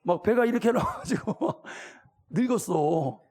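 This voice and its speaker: A man's voice: sits high, expressive, moderate pace, darkish tone. A middle-aged man preaching a sermon as pastor, talking colloquially and questioning his congregation. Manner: acts out voices of the people in the story.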